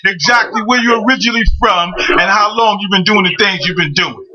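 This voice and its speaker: A man's voice: high-pitched, fairly quick, highs cut off, crowd noise. A man hosting a radio interview, talking slangy and loose, often asking "you know what I'm saying". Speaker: radio show host. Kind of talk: casual interview.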